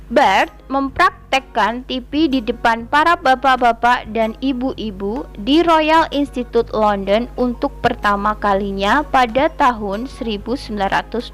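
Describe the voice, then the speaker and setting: A woman giving an online grammar lesson as a teacher, reading example sentences aloud and explaining them slowly. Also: on the high side, fairly bright tone.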